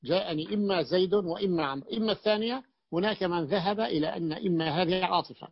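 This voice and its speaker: A man teaching a class, explaining a classical grammar text, questioning his students and repeating points with halting restarts. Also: high-pitched, vocal fry, no echo. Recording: dull, dry lo-fi recording.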